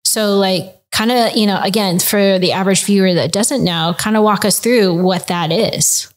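A woman hosts a podcast in a casual, upbeat way. Her voice sits at a middling pitch, and she keeps tossing in "like" and "right?" as she talks. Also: normal speed. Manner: upbeat and chatty, with lots of "like" and "right?". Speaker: podcast host.

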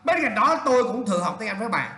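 A male English teacher correcting students' writing aloud, animated and teasing as he points out errors. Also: sits high, quick pace, echoey room.

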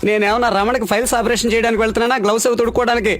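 An actor playing a comic man who complains quickly and whinily in film dialogue. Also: very high voice, level tone, fairly bright tone. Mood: bickering. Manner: fast, whiny, complaining. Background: film score music.

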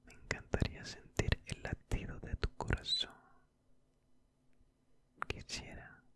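A man in his twenties in a whispered role-play as a loving boyfriend, breathy, tender and intimate, close to the microphone. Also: fairly bright tone. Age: 20s. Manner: slow, tender, repetitive, intimate. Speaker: ASMR performer. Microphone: close studio microphone, headphones on.

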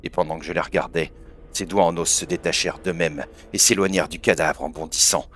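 A man reading a horror story aloud in a measured, solemn way. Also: low voice, steady tone, a bit bright, a little hiss or hum. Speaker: audiobook narrator.

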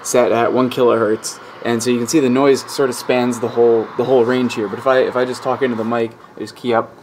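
A fast-talking man with a mid-range voice hosts an electronics hobby channel and casually explains technical matters at an indoor workbench, rambling and hesitant as he thinks aloud. The low-quality recording, made on a handheld camera mic behind the lens, carries steady static plus radio static from a speaker.

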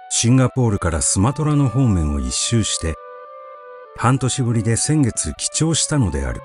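A man with a mid-range voice narrates a literary short story as an audiobook, his storytelling measured and expressive.

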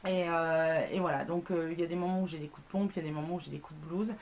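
A woman's voice: low-pitched, fairly even intonation, quick pace, gravelly, darkish tone, slight background noise. A woman in her thirties, a beauty blogger, chatting casually through a product review with lots of fillers and self-mocking asides. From France.

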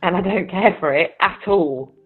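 Husky, cheeky British big sister, played by an actress. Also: female voice, fairly low pitch, moderate pace. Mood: teasing, soft. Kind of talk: rehearsed script reading. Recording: thin, phone-like video call audio.

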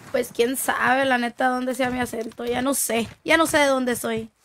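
A woman's voice: fairly high pitch, fairly bright tone, slight background noise. A young woman from Tijuana, chatting casually and full of slang while she plays a game on stream and reads chat aloud. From Tijuana, Mexico.

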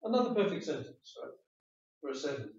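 A man's voice: fairly high pitch, big pitch swings, a little fast. Patient male teacher in an echoey classroom. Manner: patient, explanatory, repeats words while thinking. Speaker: IELTS speaking teacher giving feedback. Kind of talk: spoken test feedback. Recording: echoey room, distant dull mic.

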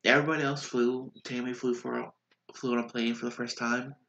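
A vlogger in his thirties, nose stuffy and congested, delivers a reality show recap briskly and flatly in a medium-pitched, gravelly, somewhat bright voice, captured with lo-fi sound. He sits at a desk webcam in a small bedroom with posters, chatting casually and rambling with many fillers and restarts.

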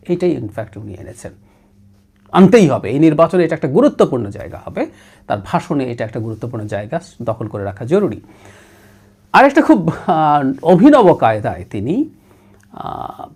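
A man's voice: mid-range voice, gravelly, mellow, breathy edge. A middle-aged man, giving a political commentary monologue in an analytical way and mixing English words into his talk. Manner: analytical, mixes English words and phrases into Bengali.

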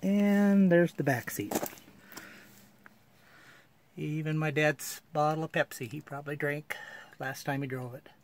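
In this casual walkaround, a car owner shows off his old car, shooting on a handheld phone outdoors and in the cabin. His voice is on the high side, measured, with long pauses, and he describes things plainly, filler after filler. Slight background noise sits under the audio.

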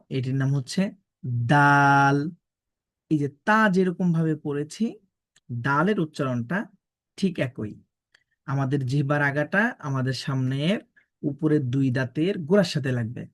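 A man teaching Quran letter pronunciation, stating each letter slowly and carefully, then repeating it. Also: on the high side, no room sound, studio quality. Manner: drawn-out, deliberate modeled pronunciations.

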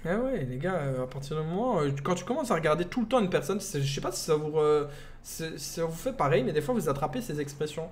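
A man's voice: on the high side, sing-song, fast talker. A young man with a Belgian French accent, casually commentating a live football game stream and joking with chat. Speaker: gaming streamer. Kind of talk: live gameplay commentary, chatting with viewers.

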